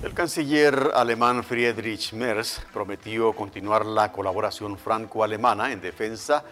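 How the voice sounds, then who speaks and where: A man reading news headlines as an anchor, with a crisp, formal delivery. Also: fairly low pitch, steady tone, measured pace, fairly bright tone.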